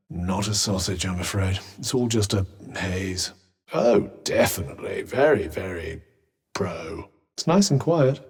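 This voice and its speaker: Game casting: fussy sentient magic cuff, British, wry and pompous, mid-pitched, heavy reverb. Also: male voice, darkish tone. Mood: dry, teasing. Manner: dry, wry, pompous, articulate. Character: sardonic, fussy talking magic cuff, a bickering companion. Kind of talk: video game character dialogue. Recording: long reverberant echo on voice.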